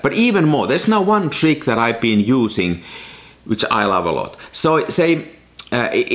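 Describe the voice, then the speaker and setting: A man's voice: on the low side, a bit bright. A man narrating his own photography vlog in a casual, explanatory way, walking through camera technique step by step. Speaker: photography vlogger.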